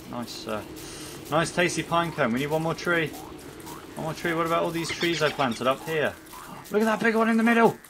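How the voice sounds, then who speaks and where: A man talks through his video game run in a loose, jokey way, bragging one moment and fretting the next. His voice sits a little above the usual pitch for a man. There is clear noise in the recording behind him. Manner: jokey, chatty, talks to his in-game pet, jumps between excitement and panic. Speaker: gaming YouTuber. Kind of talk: let's play commentary.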